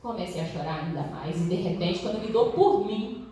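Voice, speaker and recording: A woman's voice: lowish voice, expressive, brisk, mellow. A middle-aged woman telling a personal story to a conference audience, acting out voices and her own crying. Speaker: speaker at a conference. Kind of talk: storytelling talk. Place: large conference hall. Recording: echoey hall from far off.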